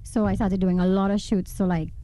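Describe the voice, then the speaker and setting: A woman from Venezuela, a guest telling her life story in a casual interview, animated and laughing often. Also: mid-range voice, fairly quick, no echo. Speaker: guest entrepreneur.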